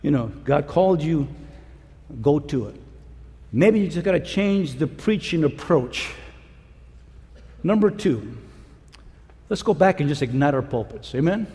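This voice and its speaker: Fiery male preacher at a conference, lively high voice, long hall reverb. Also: a little slow, pauses often. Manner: animated, swings between shouting and hushed pleading. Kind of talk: conference sermon.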